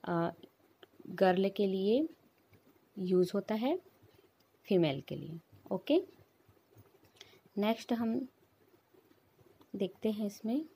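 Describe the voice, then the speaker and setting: A woman's voice: medium pitch, lively intonation, slow, pauses often, mellow, husky. A woman teaching an English pronunciation lesson to children, patiently explaining with repeated examples.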